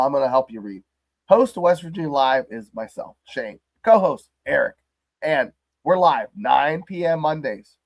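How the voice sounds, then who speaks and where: A male host with a hoarse, crackly voice worn down by the flu. He chats loosely and jokingly about his team in a rambling livestream style. The sound is dry and close, with little room echo. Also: a little high. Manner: rambling and jokey. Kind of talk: casual livestream sports chat.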